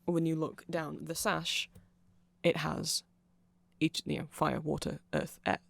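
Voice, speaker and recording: Slow and meandering, this man's ASMR explainer on band lore is full of self-corrections and laughing asides. His high-leaning voice has little pitch movement, some vocal fry, and a slightly bright tone, captured in a dry recording.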